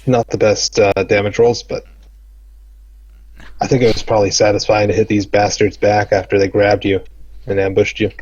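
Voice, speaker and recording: A man running a tabletop game as game master, describing the action in a relaxed way with many fillers. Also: lowish voice, moderate pace, long pauses, breathy edge, muffled recording.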